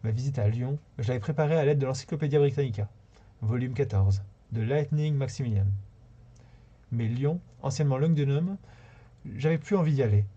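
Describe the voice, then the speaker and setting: A man reading a short story aloud on a live stream, unhurried, now and then stumbling and rereading a phrase. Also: mid-range voice, mellow. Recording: slightly dull lo-fi sound.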